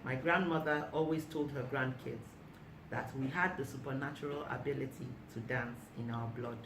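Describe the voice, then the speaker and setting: A woman's voice: extremely low pitch, steady tone, normal speed. Woman reading her own stories in an echoey room. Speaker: author reading her book. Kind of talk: reading aloud from her book. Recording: echoey room, mic at a distance, noisy.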